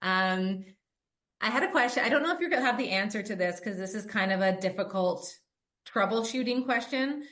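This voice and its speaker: With lively intonation and a fairly quick pace, a woman with a mid-range, fairly bright voice hosts a podcast and trains dogs. She runs down her points in a conversational way, often saying "um" and "like."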